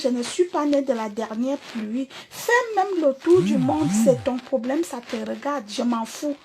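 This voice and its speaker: A woman's voice: sits high, vocal fry, a little mellow, a little hiss or hum. A woman singer with a Cameroonian French accent, talking bluntly and confrontationally to viewers in a livestream rant. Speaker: singer and performer.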